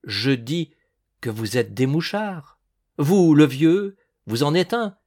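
A man voicing a young male farmhand who talks slowly and turns bitter and indignant. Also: on the high side, animated, darkish tone, voice pushed up, exaggerated voice. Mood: defiant. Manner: slow, then bitter and indignant. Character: young male farmhand, slow-spoken and defiant.

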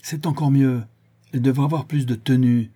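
A peevish, impatient count, played by a male reader, barking loudly in a raised voice. His grumbling has a husky, mellow grain. He sounds fed up with everyone around him. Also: medium pitch, fairly even intonation, normal speed, voice pushed up, natural voice. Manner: peevish, shouting. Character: grumpy impatient cousin, a count.

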